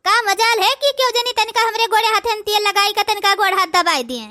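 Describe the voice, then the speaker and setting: A woman's voice: very high-pitched, fairly quick, bright, forceful tone, no room sound, studio quality. A woman voicing a grumbling, suspicious old mother-in-law in a cartoon, speaking with an Awadhi accent. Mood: complaining. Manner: whiny, complaining, gossiping to the audience. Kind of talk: comic cartoon dialogue.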